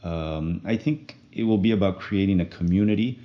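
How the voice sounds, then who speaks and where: Guest in an interview: a man from French Polynesia with a very low voice, unhurried and thoughtful, filler-heavy. Dull lo-fi audio. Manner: thoughtful, many pauses and fillers. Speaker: guest, project co-founder. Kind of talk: casual interview talk.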